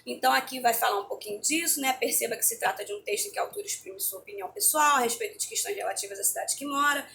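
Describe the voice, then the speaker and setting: A woman's voice: a little high, expressive, racing, vocal fry, pushed and bright, slight background noise. A woman teacher giving a remote lesson, explaining a textbook in a chatty way and often checking in with her students.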